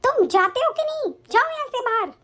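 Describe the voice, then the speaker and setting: A woman's voice: very high voice, moderate pace, fairly bright tone. A woman doing a snappish defiant young bride. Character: angry young woman, new bride turned rude. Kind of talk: animated story voice acting.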